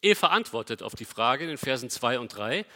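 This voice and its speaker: A man preaching a sermon, emphatic, asking the congregation rhetorical questions and swinging between loud stresses and quiet passages. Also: medium pitch, sing-song, brisk, in a large hall.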